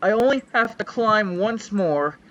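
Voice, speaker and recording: Over crowd noise, a young man reads a fanfic on a livestream in a mock-dramatic way, his storytelling theatrical and sweeping. His voice is high-pitched and animated, though a little slow.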